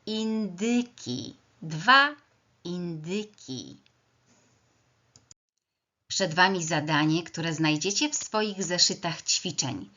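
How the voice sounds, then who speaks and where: A woman teacher giving a first-grade reading lesson, slowly sounding out words letter by letter for young children. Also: fairly low pitch, expressive, bright, forceful tone. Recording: dull lo-fi sound.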